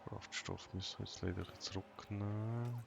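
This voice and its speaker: A man commenting on his racing manager game in a flat, monotone, emotionless way. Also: lowish voice, brisk, vocal fry, background noise. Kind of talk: let's play commentary.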